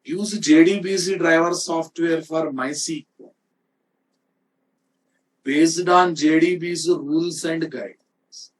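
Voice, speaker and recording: In this informal screen-shared software class, a male instructor with an Indian accent teaches emphatically and repetitively, frequently checking on his students. His pitch is a little high. The recording has a distant-mic quality and a slight hiss or hum.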